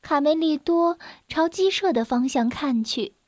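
A woman narrates a children's storybook, clear and expressive. Her voice sits high. The recording is close and dry. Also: measured pace, dry recording.

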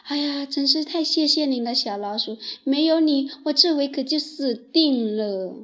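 A woman voicing a big proud male lion in a children's story, speaking in loud shouts. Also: high-pitched, normal speed. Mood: grateful.

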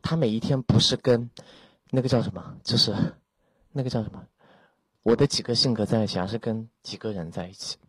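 A man's voice: fairly low pitch, steady tone, a little fast, fairly bright tone, husky, no echo. A man hosting a voice chat room, talking in a playful, dramatic, self-mocking way from an empty room. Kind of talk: casual chat.

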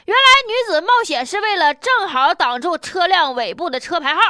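A woman with a Northeastern Chinese accent delivers comic news commentary in colloquial, mocking style. Her voice is high and bright, with very lively intonation. She sounds blunt and punchy as she comments. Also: brisk, dry recording, studio quality. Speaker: comedic news show host.

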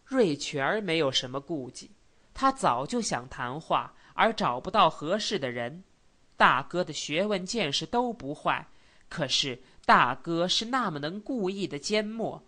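A woman narrating a classic novel as an audiobook, in a steady, measured storytelling manner. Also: on the low side. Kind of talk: scripted narration.

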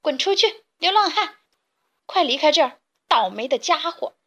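A woman's voice: high voice, animated, normal speed, fairly bright tone, pitched above the performer's own voice. A woman voicing a superstitious flock of panicky chicks in a storybook, shrieking shrilly. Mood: scornful.

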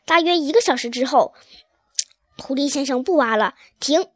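A woman's voice: high-pitched, normal speed, fairly bright tone, no echo. A woman reading a children's storybook aloud, with occasional slips and restarts.

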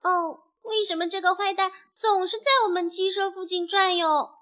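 A wide-eyed little chick from a storybook, asking questions and exclaiming at everything in a very high, bright voice, as a woman puts it on. it sounds small and wondering. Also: fairly even intonation, normal speed. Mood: puzzled.

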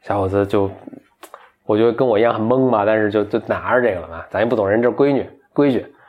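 A man casually retelling a folktale in a relaxed, chatty way, with many fillers and restarts. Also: on the low side, fast, muffled recording. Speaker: storyteller.

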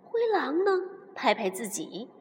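A woman reads a children's story aloud as the host of a bedtime story show, warm and expressive toward young listeners. Her voice is high and swings widely, and her pace is slow. A long reverb hangs behind it. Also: a little hiss or hum.

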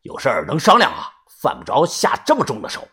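A man voicing a calm, cool-headed companion who speaks low and quietly. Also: fast talker, slightly rough, full character voice.

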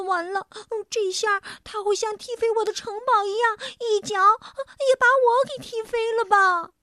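A woman storyteller and radio host, reading a children's picture book in a playful, expressive first-person voice. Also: very high voice, no room sound, studio quality.

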